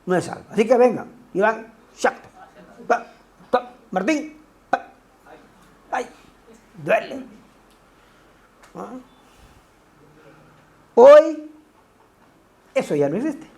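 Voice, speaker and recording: A pastor with a mellow, dark, gravelly voice preaches a lively sermon, his pitch swinging widely from line to line. He keeps throwing quick rhetorical asides at the congregation.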